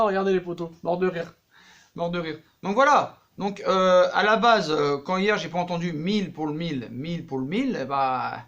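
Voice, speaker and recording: A man talking casually about football transfers in a vlog, acting out the people he talks about, with slangy jokes. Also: sits high. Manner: animated, acts out the people he talks about, jokey street slang. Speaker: football vlogger.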